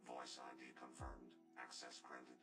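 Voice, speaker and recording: An actor voicing an automated bank teller computer in a video game, with a robotic computer effect and flat, clipped announcements. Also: a bass voice, measured pace, faint music behind, full character voice. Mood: mechanical.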